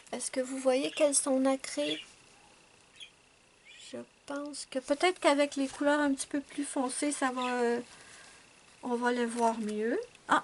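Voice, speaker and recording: Lady hosting an art channel, fairly high voice, slow and chatty, lots of ums. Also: slight background noise. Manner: chatty, thinking aloud to viewers, with many fillers. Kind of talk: casual chat while swatching art supplies. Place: at home with her cat nearby.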